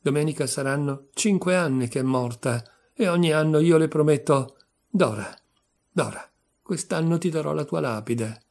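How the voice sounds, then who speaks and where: A man's voice: on the high side, moderate pace, a little mellow, natural voice. A man reading a story aloud, voicing a poor, timid elderly widower who speaks with sighing sorrow. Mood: mournful. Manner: sighing, mournful. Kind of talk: audiobook reading.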